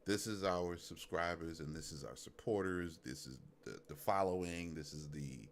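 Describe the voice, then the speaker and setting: Hosting a casual livestream reviewing music, this Brooklyn-accented man speaks at normal speed in a low voice, with slight background noise. He keeps it relaxed and loose, repeating "you know what I'm saying" a lot.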